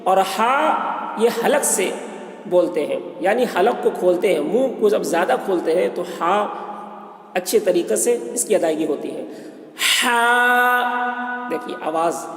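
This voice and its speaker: Male teacher from India, high-pitched, patient letter-by-letter drill, roomy echo. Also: animated, gravelly. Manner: drawn-out sung letter sounds between plain explanation. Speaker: Quran reading teacher. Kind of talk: letter pronunciation lesson. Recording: echoey, reverberant room.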